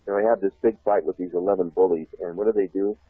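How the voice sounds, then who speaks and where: A man telling a long childhood story on a talk show, animated and laughing often. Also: low voice, fast, husky, no room sound. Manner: animated, laughs often, acts out shouted voices. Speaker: guest telling a life story. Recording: tinny phone line.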